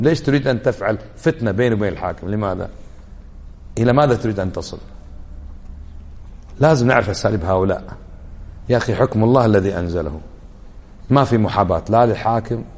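A man delivers a religious lesson at a quick clip. He argues his points through pointed rhetorical questions. His voice rings with a long hall reverb. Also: mid-range voice, vocal fry, darkish tone. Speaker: Islamic scholar.

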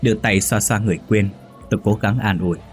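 A man narrating a horror story in a measured, ominous reading. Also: fairly low pitch, fairly even intonation. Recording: faint background music.

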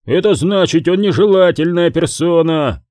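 A man's voice: fairly high pitch, sing-song, slow, a little mellow, dry recording, studio quality. A male audiobook reader voicing a hostile goblin guard who growls and barks his lines. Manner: growling, barking.

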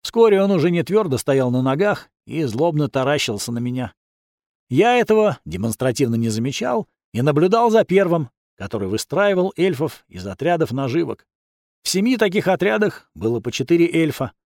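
A man's voice: on the high side, sing-song, moderate pace, darkish tone, no echo, clean studio sound. A man narrating a first-person fantasy audiobook in a wry, sardonic manner.

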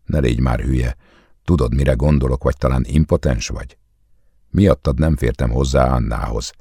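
A man with a very deep, husky voice voicing a crude young man who sneers at his friend in an audiobook. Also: steady tone, dark tone, dry recording, studio quality, full character voice. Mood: scornful crude. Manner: coarse, scornful.

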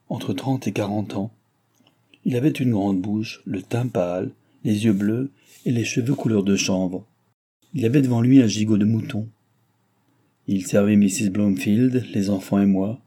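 A man reading a novel aloud as an audiobook narrator, in a measured, even storytelling manner. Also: fairly low pitch. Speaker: audiobook reader.

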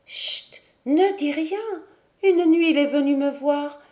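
A woman voicing a young Breton woman gone mad, high, laughing and singsong. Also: slow, a little mellow. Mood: eerie.

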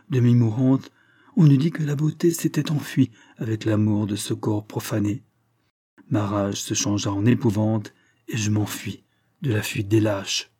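Husky low-voiced man reading aloud. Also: dark tone. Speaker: reader. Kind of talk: dramatic literary reading.

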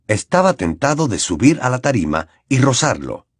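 A man narrating an audiobook in an expressive, dramatic reading. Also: mid-range voice, moderate pace, breathy edge, no echo, clean studio sound. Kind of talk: scripted narration.

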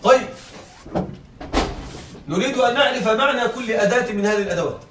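A high-pitched male teacher gives a classroom lecture, recorded from a distance in a reverberant room. He keeps asking his students whether they are following, and a faint hiss sits underneath. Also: fairly quick, fairly bright tone. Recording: echoey room, mic far off, faint noise.

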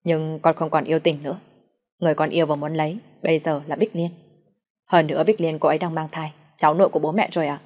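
A woman's voice: low voice, steady tone, fast, darkish tone. A woman reading a polite, pleading young man.

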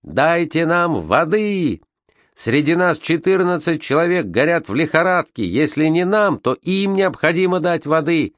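A man puts on furious, thirsty sailors from a storybook. They shout their demands in a high, strained voice, recorded dry and close. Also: lively intonation, measured pace, no echo. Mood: demanding. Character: angry thirsty crowd of sailors.

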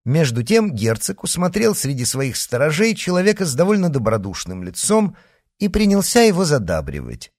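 Man, audiobook narrator, lively intonation, dry close recording. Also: a little high, moderate pace, no room sound. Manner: expressive, lively reading with acted dialogue. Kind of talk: scripted narration of a classic novel.

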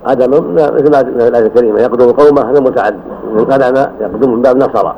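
Older sheikh explaining a text, dull old tape. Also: male voice, mid-range voice. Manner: explains slowly, correcting the reader, frequent "yes". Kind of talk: classroom commentary on a text. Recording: dull old recording with faint hiss.

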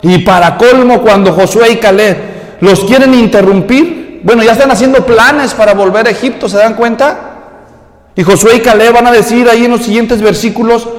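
A man preaching a sermon, animated and humorous, acting out quotes in a raised voice. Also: high-pitched, moderate pace. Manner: humorous storytelling asides. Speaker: pastor. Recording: echoey hall reverb.

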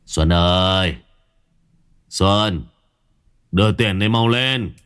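A man voicing a drunk, violent, greedy middle-aged husband who shouts rapid abuse. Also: sits low, smooth. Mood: drunken rage.

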